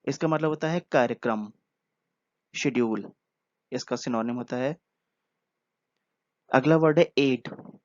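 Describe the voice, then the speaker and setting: A man giving a word-by-word vocabulary lesson, patient, repeating each word and explaining it slowly. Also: medium pitch, a little mellow, no room sound. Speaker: English vocabulary teacher. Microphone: earphone mic. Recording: dull lo-fi earphone recording.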